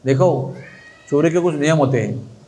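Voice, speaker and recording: A man voicing a playful, mischievous boy god who coaxes and scolds in a hushed way. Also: a little high, expressive, normal speed. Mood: instructive.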